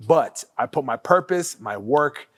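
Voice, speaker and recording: A man's voice: mid-range voice, lively intonation, a bit bright, no room sound, studio quality. Emphatic, profane podcast host man. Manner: emphatic, profane, quick affirmations. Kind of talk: casual podcast chat.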